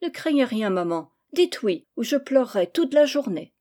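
A woman's voice: very animated, moderate pace, dark tone. A woman reading aloud and voicing a spoiled young girl who whines and insists on getting her way. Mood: pleading. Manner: whiny, insistent, high-pitched pleading. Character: spoiled willful young girl, pleading and demanding.

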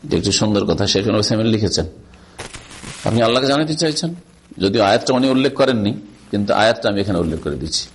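A man's voice: lowish voice, animated, very fast, slight background noise. A middle-aged man giving a religious lecture on hadith, explaining with rhetorical questions and reciting Arabic passages. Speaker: Islamic scholar teaching hadith.

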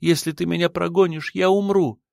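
A woman's voice: fairly even intonation, a little fast, creaky, warm tone, no echo, studio quality. A man voicing Ada, a tearful young woman. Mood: pleading. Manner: pleading, high and breaking with sobs. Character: tearful young woman, desperate and devoted lover.

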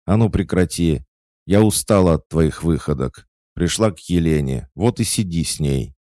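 A man's voice: a bass voice, expressive, moderate pace, mellow, no echo, studio quality, voice pushed up. A man voicing an irritable older witch who scolds her daughter in an audiobook. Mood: scolding. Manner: scolding, indignant. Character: stern older witch mother, irritable and proud. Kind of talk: audiobook character voice.

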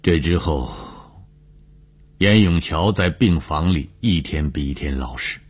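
A man narrating a broadcast story in a measured, dramatic way. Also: extremely low pitch, slightly rough.

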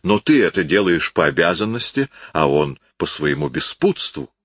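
A man's voice: low voice, big pitch swings, moderate pace, fairly bright tone, no room sound, clean studio sound, exaggerated voice. Man putting on a prim, nosy old aunt. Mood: indignant. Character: fussy elderly spinster aunt, prim and nosy. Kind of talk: audiobook character voice.

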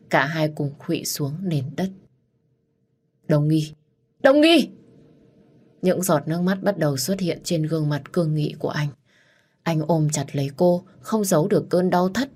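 A woman narrating a romance story in a measured, emotive way. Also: low-pitched. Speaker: audiobook narrator. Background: soft background music.

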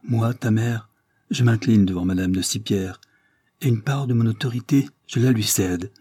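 A man's voice: lowish voice, moderate pace, mellow, slightly rough, no room sound, studio quality. A man voicing a grieving, stern aristocratic mother as he reads a classic novel aloud, solemn and pleading.

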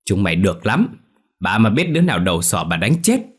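A man's voice: on the low side, big pitch swings, a little fast, slightly rough. A man voicing an angry old village woman who scolds a group of children. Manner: shouting, accusing.

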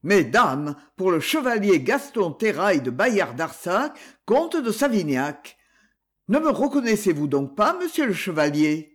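Man playing a fussy penny-pinching creditor, fretful, muttering, high lively voice. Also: measured pace, breathy edge, full character voice. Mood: alarmed.

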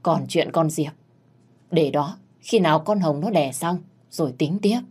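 A woman voicing an older mistress of a household who gives blunt orders in a low, husky voice. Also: a little slow, darkish tone. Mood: commanding. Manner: commanding, blunt.

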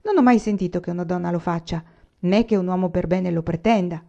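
Brief: a woman playing an eager young suitor, pressing and anxious, voice on the low side. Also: brisk, vocal fry, mellow, muffled recording. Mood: earnest. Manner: urgent, agitated pleading. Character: earnest young frontier man, a suitor.

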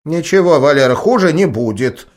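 A man's voice: a little high, lively intonation, moderate pace, pitched above the performer's own voice, close to an everyday voice. Man voicing a stern old village healer grandmother. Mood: fussing. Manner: fussy, commanding folk speech.

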